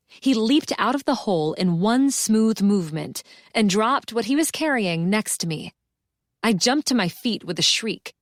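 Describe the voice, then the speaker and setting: A woman narrates a cozy mystery audiobook in a mid-pitched voice. She reads scripted first-person prose in an expressive storytelling manner, recorded close and dry with no room sound. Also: no echo.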